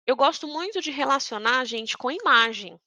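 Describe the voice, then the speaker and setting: A woman from Brazil walks her listeners through a literacy lesson, checking in after nearly every point. Her voice is bright and a little high, and the recording is dry and close with no room sound. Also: expressive, normal speed, dry recording. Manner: explanatory, checks in with "tá?". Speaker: literacy teacher. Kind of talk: teaching lesson.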